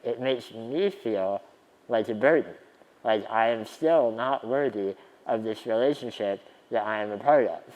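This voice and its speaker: A man's voice: on the low side, a little slow, a little mellow, in a large hall, poor audio. A man in his twenties telling stories in a conference keynote, with a wry, self-deprecating humor. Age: 20s. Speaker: keynote speaker. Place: conference stage.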